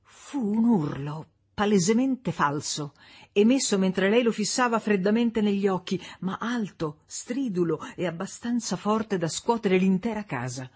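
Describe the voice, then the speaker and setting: A reader narrating a literary novel as an audiobook, in a measured, expressive way. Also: medium pitch, husky.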